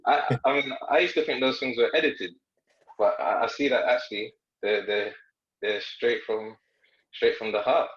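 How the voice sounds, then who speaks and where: A man's voice: medium pitch, fairly even intonation, moderate pace, a bit bright, reverberant, muffled recording. A man guest on a podcast, chatty and self-deprecating, joking easily and restarting his sentences. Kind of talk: podcast conversation.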